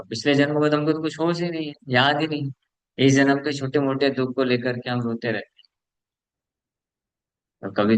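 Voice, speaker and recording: A man's voice: medium pitch, dry recording, poor audio. A man from India giving a scripture lecture, earnest and repetitive for emphasis, slipping English words into his talk and acting out listeners' excuses. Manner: earnest, repeats points for emphasis, mixes English words into Hindi; acts out listeners' excuses in asides. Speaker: preacher giving a scripture class.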